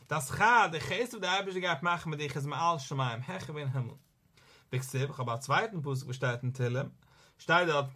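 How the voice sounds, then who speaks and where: Male religious teacher, Torah lesson, sing-song study cadence, quotes verses, high tense voice. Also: sharp tone.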